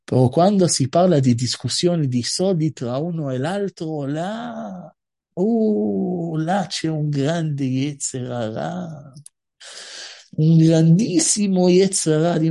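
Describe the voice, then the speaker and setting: A woman teaching through a storytelling sermon, lively, with frequent asides to her listeners. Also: deep voice, slow, vocal fry. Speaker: religious teacher.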